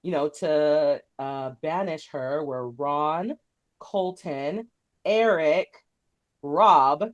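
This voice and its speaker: A woman's voice: low voice, extremely slow, lo-fi sound. A woman co-hosting a podcast, chatting casually and animatedly about a reality show, laughing and acting out what people said. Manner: animated, laughs often, acts out quotes. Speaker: podcast co-host. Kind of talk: casual chat reviewing reality TV.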